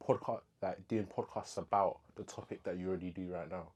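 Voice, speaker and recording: A man's voice: low-pitched, steady tone, brisk, darkish tone, breathy edge. A man hosting a podcast, asking short, laid-back questions in casual chat. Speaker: podcast host.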